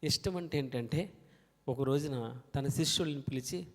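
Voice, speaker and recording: A man preaching a sermon, swinging from soft talk to loud, emphatic scripture reading and leading the congregation to read verses aloud with him. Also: medium pitch, normal speed.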